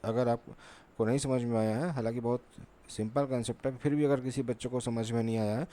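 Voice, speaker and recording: Working through a maths lesson at a board, a man speaks fairly quickly in a steady, dark mid-range voice. He repeats "ठीक है" patiently and raises questions only to answer them himself.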